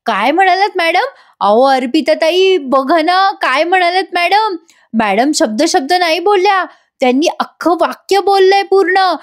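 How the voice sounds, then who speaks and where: A woman voicing a cheerful young female caregiver who gushes in a high, excited voice. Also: moderate pace, hardly any pauses, lightly acted. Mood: thrilled.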